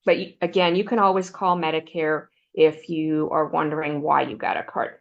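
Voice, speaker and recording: Woman counselor, lowish voice, steady explanatory webinar delivery over muffled lo-fi audio. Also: moderate pace, vocal fry. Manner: explanatory, steady, uses "um" fillers. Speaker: Medicare counselor presenter. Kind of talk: informational presentation with slides.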